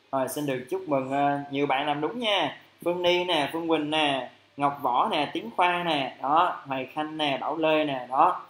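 A man teaching an English vocabulary lesson on a livestream, lively and chatty, stretching out English phrases slowly. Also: a little high, reverberant.

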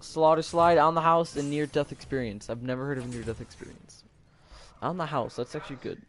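A young man giving live commentary on his own gameplay. He is excitable, swinging between quiet muttering and shouting at his teammates. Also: a little high, brisk. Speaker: gamer.

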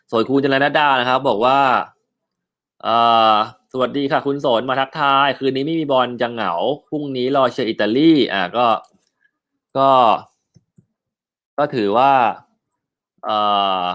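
A man's voice: medium pitch, a bit bright. Chatty man hosting football news. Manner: chatty, reads and answers viewer comments; frequent filler sounds and polite particles. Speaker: football news show host. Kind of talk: casual football news chat.

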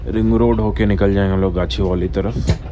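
A man narrating a casual travel vlog, chatting informally about his trip as it goes along, on a bus and by the roadside of a highway. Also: steady tone, brisk, muffled recording. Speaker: travel vlogger. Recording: traffic noise around the voice.

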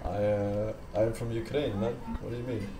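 A man in his thirties streams an online game, chatting casually and dryly into a close desk mic fitted with a pop filter. His voice sits on the low side, flat and at a moderate pace, with music playing behind him. He's in a small room with a green curtain.

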